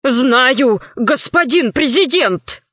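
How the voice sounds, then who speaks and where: Lady doing a scared old professor man, stammery, pleading, high and slowish. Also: expressive, fairly bright tone, dry recording, full character voice. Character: frightened elderly male scientist. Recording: slightly dull, dry recording.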